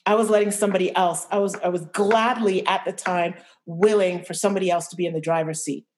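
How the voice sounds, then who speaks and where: Podcast guest: young woman, lowish voice, halting and reflective, frequent restarts. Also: steady tone. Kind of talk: candid personal interview.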